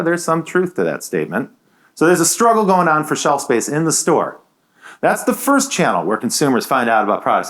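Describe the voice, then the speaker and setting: A man giving a conversational, enthusiastic conference keynote on stage. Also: fairly high pitch. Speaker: keynote speaker.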